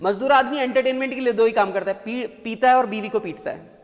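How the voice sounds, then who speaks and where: A man with a high voice lectures a class, joking and prodding the students to answer. The sound carries a long reverb, as in a big hall. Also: quick pace. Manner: lively, joking, keeps asking the class to answer. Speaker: teacher.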